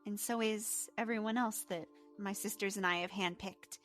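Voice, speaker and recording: A woman's voice: medium pitch, steady tone, moderate pace, a bit bright, faint music behind, natural voice. A woman voicing a teenage-looking goddess of fate, playful and teasing, in a tabletop game. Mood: earnest. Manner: teasing, cheerful. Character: girlish teen goddess of fate, playful, smug.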